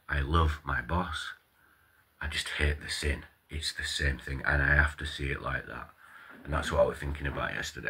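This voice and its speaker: A middle-aged man talks in an animated, casual vlog monologue, acting out what others said and swearing freely. His voice sits very low but has a sharp, forceful edge. The tone is rough and husky throughout. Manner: animated storytelling, acts out quoted dialogue, swears, laughs mid-sentence. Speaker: vlogger.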